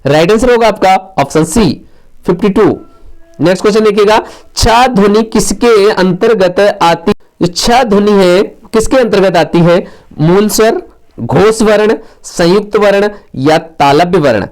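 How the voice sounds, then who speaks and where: High-voiced Hindi quiz teacher. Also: male voice, a little slow, a little mellow. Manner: reads options then gives the answer with a short explanation; mixes English quiz phrases into Hindi. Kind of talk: exam quiz lesson.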